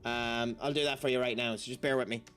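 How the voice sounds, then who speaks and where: A man's voice: mid-range voice, fairly even intonation, fast talker, fairly bright tone, faint music behind. A man giving live commentary as a gaming streamer, swearing casually and often.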